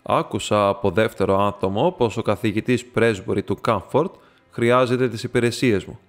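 Male narrator as composed detective, measured and dry, storybook. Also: lowish voice, soft background music, natural voice. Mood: measured polite. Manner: polite, measured.

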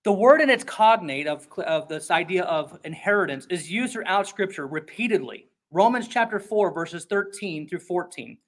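A male pastor preaching an expository sermon in a conversational, emphatic way, often slipping into quick acted-out voices. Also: high voice, expressive, a bit bright.

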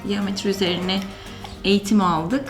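A woman's voice: medium pitch, steady tone, moderate pace. A woman explains her work as an artist in an interview. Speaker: artist colleague. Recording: roomy echo, music underneath. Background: clear background music.

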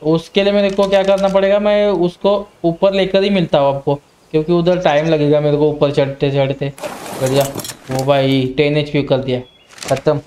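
A man's voice: fairly high pitch, normal speed, slight background noise. A young man hosting a gaming channel, giving casual gameplay commentary and breaking into panicked yelps when attacked. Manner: excited, yelps in sudden panic.

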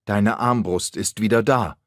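A man's voice: on the low side, measured pace, no room sound, studio quality, lightly acted. A man reading the part of a confident young amateur detective in a storybook. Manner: pleased and confident.

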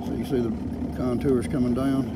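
A Southern US man in his sixties, vlogging from an open fishing boat on a lake and partly from a vehicle, explains fishing in a casual, folksy, unhurried way. His voice is medium in pitch and level in tone. A loud boat motor and outdoor noise run underneath this outdoor vlog talk.

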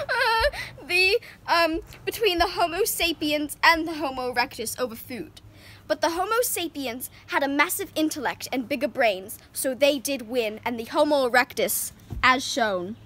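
A woman with a very high, bright voice narrates a playful mock nature documentary. She is excitable and giggly and hams up every line. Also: measured pace, a little hiss or hum.

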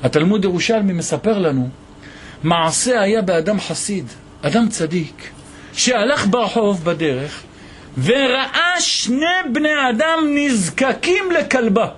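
High-voiced rabbi telling a lively story. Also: male voice, slight background noise. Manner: animated storytelling, voicing the people in the tale. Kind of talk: Torah lesson storytelling.

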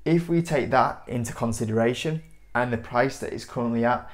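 A man's voice: medium pitch, brisk. A young man in his twenties hosting an investing channel, talking casually to camera in front of a whiteboard indoors, rambling with lots of "you know" and gesturing as he speaks. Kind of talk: casual stock commentary to camera.

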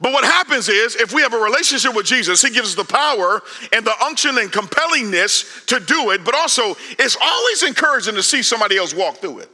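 A man in his forties preaching a sermon on a large church stage, animated and conversational, swinging from loud calls to hushed asides. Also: very high voice, fast, few pauses. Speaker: pastor.

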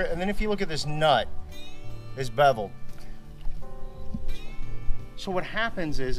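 Man, forties, casual how-to vlog host, slightly high pitch, garage, faint background music. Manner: chatty, repeats "honestly" and "guys". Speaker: car repair channel host. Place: open home garage, outdoors by driveway.

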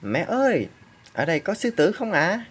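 A woman voicing a timid, excitable young kangaroo, exclaiming as she reads a storybook to a toddler. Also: fairly low pitch, normal speed, slightly rough, exaggerated voice. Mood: worried.

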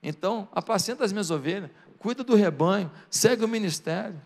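A man with a Brazilian Portuguese accent voicing a calm, forgiving Jesus who speaks low and gently to a disciple. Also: fairly quick, gravelly, in a large hall, full character voice. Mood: gentle.

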